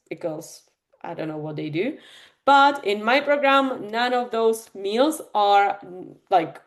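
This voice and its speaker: A chatty fitness and nutrition coach from the Czech Republic, with a mid-range voice, gives a live online masterclass. She speaks directly to the audience and uses many fillers.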